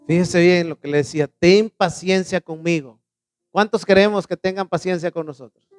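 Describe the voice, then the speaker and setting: A male pastor preaching a sermon in a church, asking the congregation questions and answering them, reading scripture slowly with emphasis. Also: high voice, clear, resonant tone, soft background music.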